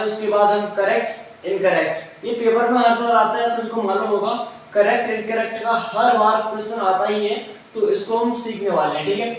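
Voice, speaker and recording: A male English grammar teacher explaining rules step by step, asking his own questions and answering them. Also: sits high. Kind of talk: classroom lesson. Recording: very echoey room, mic far off, faint noise.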